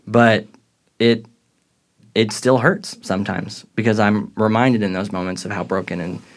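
A man's voice: fairly low pitch, measured pace. A young man telling his faith story as a podcast guest, earnest and reflective. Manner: earnest, reflective, grows excited retelling moments. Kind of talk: faith testimony in casual conversation.

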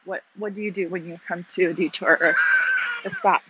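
On a very noisy, lo-fi recording, a woman speaks a little fast in a lowish, steady voice. An author and podcast host, she's out on a shaded walking path, slightly breathless, rambling casually for a vlog with fillers and wondering questions.

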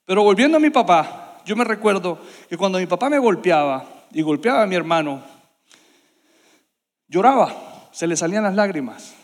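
A man with a high voice tells a story from the pulpit, animated and full of sound effects. His voice rings out in a church hall with a long reverb. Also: normal speed. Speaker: preacher. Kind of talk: sermon storytelling.

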